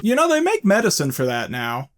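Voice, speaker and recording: A man's voice: sits high, wildly swooping pitch, fairly quick, a bit bright, soft background music. Wry man hosting a video essay. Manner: wry, sarcastic asides.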